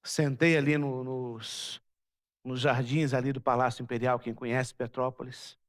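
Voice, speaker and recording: A man from Brazil, a pastor, preaching a sermon and telling a personal story, moving between loud passages and hushed ones. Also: mid-range voice, little pitch movement, unhurried.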